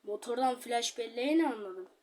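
A woman giving chatty, excitable gameplay commentary, talking straight to her viewers. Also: fairly high pitch, moderate pace, background noise. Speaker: gaming channel host.

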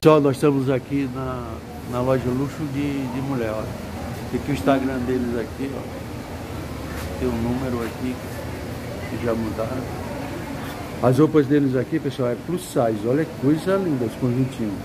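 A man's voice: mid-range voice, fairly even intonation, moderate pace. A man from Ceará with a Ceará accent, chatting casually as he films a clothing market tour and asks stall sellers about prices. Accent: Brazilian Portuguese, Ceará. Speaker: vlogger touring a clothing market. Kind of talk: casual walk-through commentary. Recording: noisy market floor.

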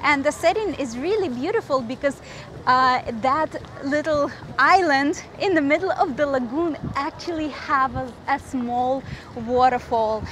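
A woman's voice: high voice, measured pace, a bit bright. A woman vlogger narrating a casual walking tour outdoors at a resort lagoon, chatty and upbeat as she points things out. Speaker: travel vlogger, tour guide. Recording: outdoor noise, open air.

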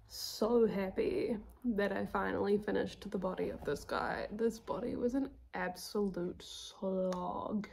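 Give me a relaxed young woman with a southern New Zealand accent, talking slowly through her knitting projects with plenty of self-mocking laughs. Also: mid-range voice. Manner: chatty and self-deprecating, laughs often. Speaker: knitting podcast host. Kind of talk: casual chat showing knitting projects.

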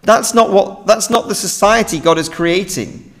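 A man's voice: sits high, normal speed, a bit bright. A young British man preaching an earnest, emphatic sermon from a lectern in a large church hall. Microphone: standing at a lectern, lectern mic. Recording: reverberant hall.

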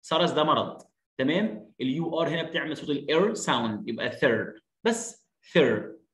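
A man's voice: a little high, expressive, fairly bright tone, roomy sound. Egyptian man teaching pronunciation. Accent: Egyptian Arabic. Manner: repeats words slowly, drills pronunciation. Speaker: English teacher. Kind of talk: lesson explanation.

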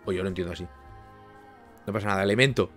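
A young man from chatting casually with viewers on a live stream, rambling with lots of restarts and sudden loud bursts. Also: low-pitched, quick pace, faint music behind.

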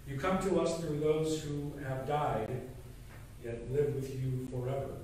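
A man leading liturgical prayer as a pastor, solemn and measured, with pauses between short phrases. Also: mid-range voice, fairly even intonation, a little mellow. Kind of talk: liturgical prayer and communion service. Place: large church sanctuary, indoors. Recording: very echoey church, far mic, noisy.

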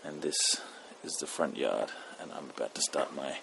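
A man vlogging casually outdoors in a snowy front yard, talking in an easygoing, halting way with pauses. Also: extremely low pitch, animated, vocal fry, fairly bright tone, slight background noise, poor audio. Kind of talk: casual chat to camera.

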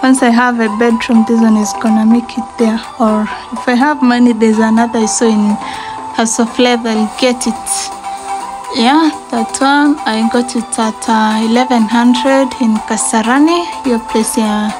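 A woman's voice: on the high side, fairly even intonation, normal speed, over music, poor audio. A young Kenyan woman giving a chatty house tour, filmed on a handheld phone in her small apartment. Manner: chatty, mixes in Swahili phrases. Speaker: vlogger. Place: small apartment bathroom and bedsitter, indoors. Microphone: phone camera held in hand.

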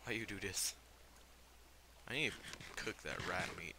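A man's voice: low-pitched, animated, unhurried, gravelly, background noise. A teenage boy with a fever giving casual, rambling commentary on his game, full of fillers and startled reactions. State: sick with fever. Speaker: gamer.

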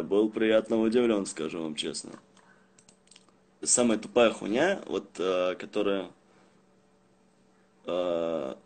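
A young man chatting casually on a livestream in rough, swear-heavy street slang, rambling and halting as he goes. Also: on the low side. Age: young adult. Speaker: live streamer. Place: small indoor room at home. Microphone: phone at arm's length.

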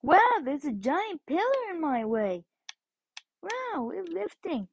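Goofy male hedgehog hero, put on by a woman: high, lively, exaggerated amazement; playful fan dub. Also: slow, creaky, highs cut off, slight background noise, exaggerated voice. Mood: amazed. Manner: silly, gushing, exaggerated amazement.

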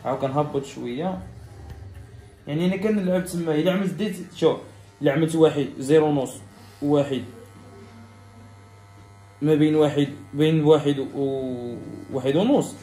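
A man's voice: fairly high pitch, normal speed, long pauses, mellow, echoey room, soft background music. A man with a Moroccan accent, a barber who explains a haircut step by step and repeats each step to his viewers. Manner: instructive, repeats steps, talks straight to viewers. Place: barbershop salon.

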